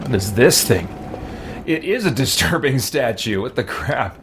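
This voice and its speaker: A man's voice: mid-range voice, animated, unhurried, noisy background. A man hosting a let's play with casual, joking gaming commentary.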